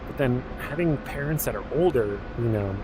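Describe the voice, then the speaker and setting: A man in his thirties from Alaska, chatting in a relaxed, rambling way with many fillers while streaming a game. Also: mid-range voice, normal speed, noisy background. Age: 30s. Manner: rambling, laid-back, many fillers and restarts. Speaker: gaming streamer. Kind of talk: casual live-stream chat while playing.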